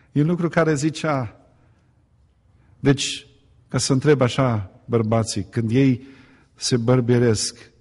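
A man's voice: medium pitch, a little mellow. Guy preaching a sermon, keeps asking the crowd questions, lots of echo from the hall. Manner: rhetorical questions to the congregation, emphatic repetition. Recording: long hall reverb.

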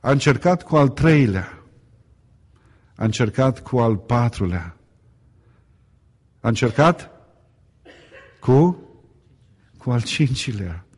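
A man's voice: mid-range voice, lively intonation, pauses often, darkish tone, slightly rough. A man preaching a sermon, addressing the congregation with rhetorical questions and building emphasis by repeating phrases. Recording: long hall reverb.

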